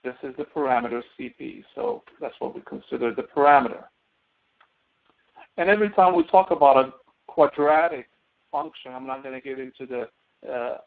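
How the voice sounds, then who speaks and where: This male instructor's medium-pitched voice carries some vocal fry as he gives a step-by-step tutorial lecture. He frequently asks questions only to answer them himself, and the recording sounds narrow, like a phone line.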